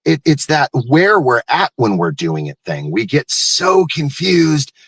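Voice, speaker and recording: A man's voice: fairly high pitch, huge pitch swings, measured pace, a bit bright, husky, no echo. A man hosting a live morning show in a casual, folksy, rambling way, wandering from one thought to the next.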